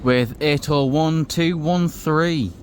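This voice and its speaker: A man's voice: on the high side, slow pace. A man giving brief live commentary on trains from a station platform. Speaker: trainspotting video narrator. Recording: faint station background noise.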